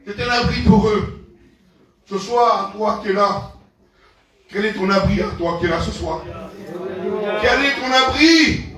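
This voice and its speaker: Older man, pastor, emphatic and repetitive, high voice, booming hall reverb. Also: a little slow, pauses often. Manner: emphatic preaching with repeated questions, bursts of shouting. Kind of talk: sermon. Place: large echoey hall. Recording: very echoey hall, voice from a distance.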